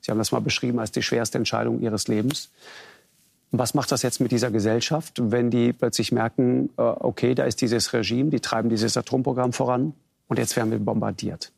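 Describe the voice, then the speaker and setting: Male talk show host, gravelly husky voice, dry close sound, probing and interjecting. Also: medium pitch, fairly even intonation, brisk, darkish tone, no echo. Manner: probing, interjecting, many fillers.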